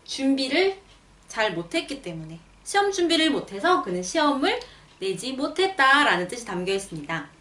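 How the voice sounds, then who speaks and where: Roomy, high-voiced woman teacher. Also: sing-song, bright, forceful tone. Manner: reads example sentences slowly and clearly. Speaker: language teacher. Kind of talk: explaining lesson. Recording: roomy, a bit far from the mic.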